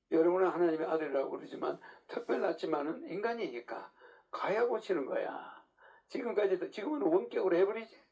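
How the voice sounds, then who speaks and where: A man's voice: fairly high pitch, darkish tone. A man preaching a sermon in a casual, lecturing way, often checking in with rhetorical questions. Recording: dull lo-fi recording.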